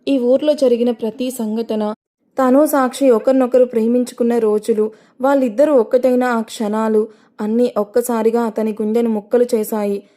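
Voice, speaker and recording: A woman narrating a dramatic audio story in a measured, storytelling manner. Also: fairly high pitch, fairly even intonation, mellow.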